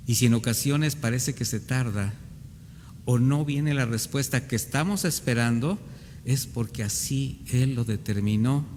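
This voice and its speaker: In a reverberant church hall with faint background noise, a male pastor gives an earnest sermon, acting out the voices of doubting believers. His voice is medium-pitched and a little mellow, and his pace is measured.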